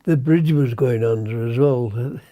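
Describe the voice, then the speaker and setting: A centenarian British man speaks as an old veteran remembering his navy days. His voice is very mellow and dark, and his pace is slow. He halts often, hunting for words and letting phrases trail away, in a dry acoustic. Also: medium pitch, no room sound. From Britain. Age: 100. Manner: halting, searching for words, trailing off.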